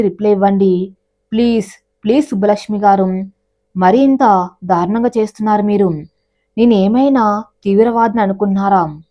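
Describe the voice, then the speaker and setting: A woman's voice: mid-range voice, highs cut off, lightly acted. A woman voicing a persistent young man who pleads melodramatically.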